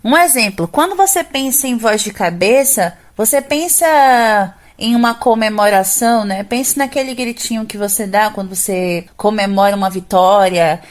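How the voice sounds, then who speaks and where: Brazilian woman voice coach, patient step-by-step explainer with tag questions and quick sung demos. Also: medium pitch. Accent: Brazilian Portuguese. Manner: explains step by step, ending phrases with "né?" and singing brief vocal demonstrations. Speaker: singing teacher. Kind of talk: explanatory vocal lesson.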